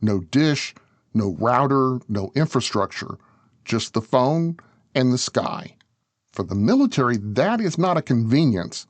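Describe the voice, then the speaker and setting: A man narrates a scripted business documentary, speaking directly to the listener in a conversational style. His medium-pitched voice swings widely in pitch and moves at an unhurried pace, with no room sound.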